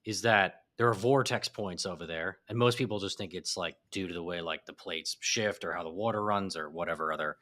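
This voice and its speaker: A man talking as a podcast guest in a casual conversation, lively and enthusiastic, with animated asides. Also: deep voice, a little fast, hardly any pauses.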